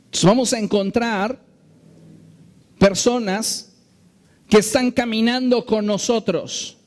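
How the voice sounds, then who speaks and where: In a church sanctuary, a male pastor with a fairly high voice delivers a sermon. His manner is earnest and measured, and he stretches out the phrases he wants to emphasize.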